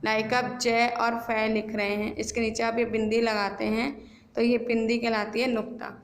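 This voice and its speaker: Lady teacher explaining grammar, spells stuff out slow, slightly high voice, roomy echo. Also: slight background noise. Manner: slow, spelled-out explanations mixing English words. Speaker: school teacher. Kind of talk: recorded Hindi grammar lesson. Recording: echoey room.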